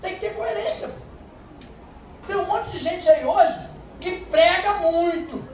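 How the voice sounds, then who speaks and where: A woman preacher, delivering an animated sermon full of storytelling and bursts of shouting. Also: very high-pitched, slow. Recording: echoey distant room sound with faint noise.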